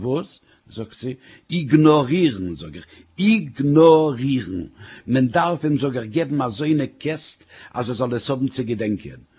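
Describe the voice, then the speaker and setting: A man's voice: medium pitch, breathy edge. A man telling a comic story, full of wry "sag ich" asides.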